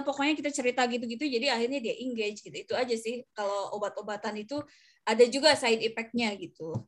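Woman, nurse, podcast chat, slightly high voice, rambling anecdotes, many fillers.

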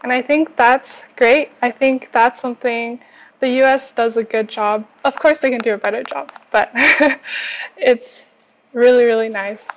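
A woman's voice: fairly high pitch, steady tone, measured pace, a little hiss or hum. A woman from Canada in a casual discussion, speaking in an upbeat, friendly way. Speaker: panel guest. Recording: dull lo-fi recording.

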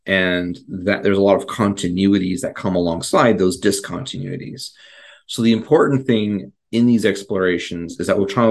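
A man co-hosting a casual history discussion, talking in a rambling way with many fillers and restarts. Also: low voice. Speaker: podcast co-host.

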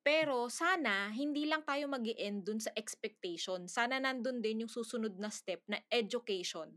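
A woman co-host with a somewhat high voice, talking in a loose, casual chat. She is blunt and sarcastic, laughing and swearing as she vents. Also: normal speed, fairly bright tone. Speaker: podcast co-host.

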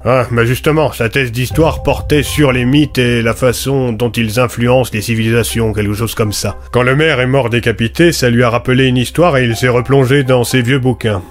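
A hesitant, slightly disdainful schoolteacher, voiced by a man in an audio story, pausing to think. Faint music sits underneath. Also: mid-range voice, fairly even intonation, natural voice. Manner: hesitant, thoughtful, with fillers. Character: French teacher, dry and slightly disdainful.

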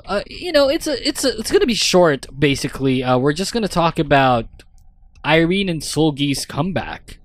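A man's voice: a little high, sing-song, normal speed, no echo. A man hosting a podcast, rambling and swearing freely in casual chat. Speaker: podcast host.

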